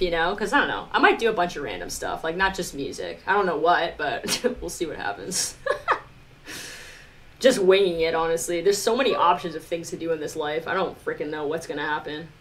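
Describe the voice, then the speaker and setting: Talking to her stream audience, a music producer rambles in a loose, informal way, leaning heavily on "like" and letting out some mild swearing. Her voice is lowish with a fairly bright tone.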